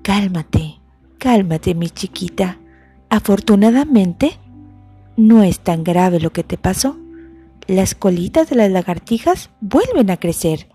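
A woman's voice: medium pitch, slow pace, slightly rough, faint music behind. A woman doing a soothing mother lizard. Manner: calm, soothing, soft.

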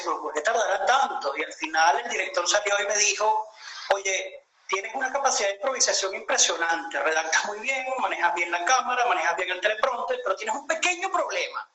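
A Venezuelan man in his late thirties speaks in a high, bright voice, thinking aloud and restarting his sentences. His video call sounds roomy and echoey, with a faint hiss behind him. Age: 30s. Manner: reflective storytelling, many hesitations and restarts. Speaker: interview guest. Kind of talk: conversational interview over a video call.

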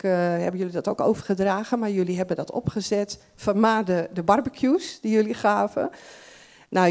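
A woman's voice: lowish voice, a little mellow. A woman giving a chatty farewell address at a church service, full of fillers and restarts.

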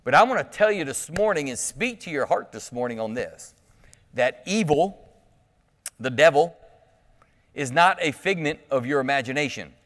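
A man speaks at a pulpit microphone, preaching in a loose, animated and joking way with plenty of restarts. His voice sits a little high for a man. Long reverb from the church sanctuary trails each phrase. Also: normal speed, pauses often. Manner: animated and joking, teasing the congregation, with frequent restarts. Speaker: pastor. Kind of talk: casual, conversational preaching.

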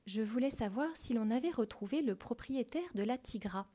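A woman voicing a brave, clever teenage girl heroine in a storybook reading, brisk and self-assured. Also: a little high, lively intonation, warm tone.

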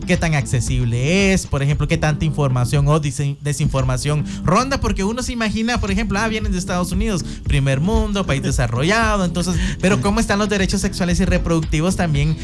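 A woman hosting an educational radio talk, often pausing to search for words. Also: lowish voice, lively intonation, music in the background. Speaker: radio host.

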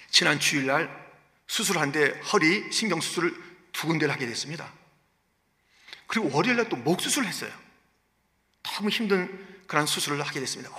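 A man preaching a sermon as pastor, swinging between loud, stirring lines and hushed, almost whispered storytelling. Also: a little high. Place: church sanctuary. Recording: reverberant church hall.

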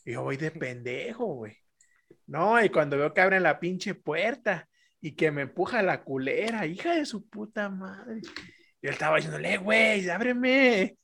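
A man's voice: on the high side, expressive, moderate pace, vocal fry, a bit bright, slightly rough. A man with a Mexican accent telling crude, slang-heavy anecdotes in a casual podcast chat and acting out the voices of the people in them. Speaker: podcast guest storyteller.

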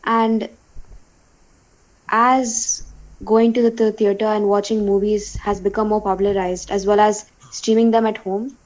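A woman's voice: medium pitch, flat delivery, measured pace, a little mellow, muffled recording. A young woman from India co-hosting a casual discussion podcast, articulate but restarting her sentences. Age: young adult. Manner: articulate, repeats words when restarting. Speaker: podcast co-host.

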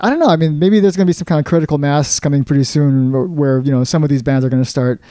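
A man's voice: a little high, quick pace, dark tone, dry recording, studio quality. A man co-hosting a casual podcast chat, rambling with lots of fillers and frequent laughs. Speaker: podcast co-host.

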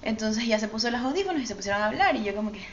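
A woman's voice: fairly high pitch, racing. A woman telling a personal story in casual chat, acting out the lines of the people in it. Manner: animated, acts out quoted dialogue. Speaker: podcast co-host telling a story. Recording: slightly dull recording with faint noise.

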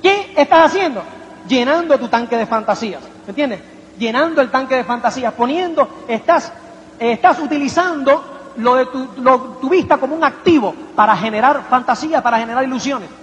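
A man giving a motivational seminar talk to an audience, rhetorical and animated, constantly asking if they follow him. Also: very high-pitched, a little fast, slight background noise. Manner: rhetorical, keeps asking "¿me entiendes?"; acts out little quoted voices and anecdotes. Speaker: motivational speaker. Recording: echoey hall, dull lo-fi sound.

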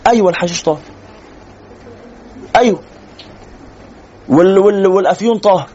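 A man with an Egyptian accent giving a religious lecture in a conversational, animated way, teasing and asking rhetorical questions. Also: high voice, a little fast, lo-fi sound, slight background noise. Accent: Egyptian Arabic. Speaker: sheikh lecturer.

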